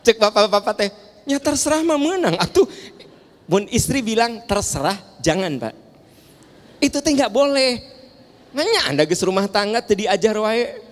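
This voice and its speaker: A man's voice: sits high, expressive, normal speed, pauses often. A man with a Sundanese accent giving a playful, teasing sermon in a large mosque, joking with the audience and asking them questions. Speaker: preacher. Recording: long hall reverb in a large mosque.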